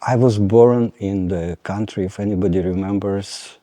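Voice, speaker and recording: An older man, a violin teacher talking in a measured way, pausing to search for words and making dry jokes. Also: lowish voice, fairly even intonation, warm tone, no echo. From Lithuania. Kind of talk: conversational interview.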